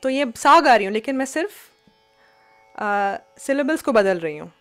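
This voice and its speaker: Over a video call, a woman teaches a music webinar, explaining in Hindi and English and singing syllables and song lines as examples. Her voice is on the high side and fairly bright, sing-song, at a normal pace.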